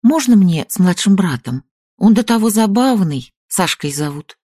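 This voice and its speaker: A man reading an audiobook, voicing a courteous young woman who acts modest and speaks in a measured, earnest way. Her voice sits well above his own, in a lively tone with a dry, close sound. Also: sits high, no echo, pitched above the performer's own voice. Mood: polite. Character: polite young woman, poised, falsely modest.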